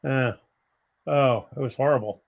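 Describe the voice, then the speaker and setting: An older man co-hosting a casual live stream, talking in a halting, rambling, self-deprecating way. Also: mid-range voice, creaky, dull audio.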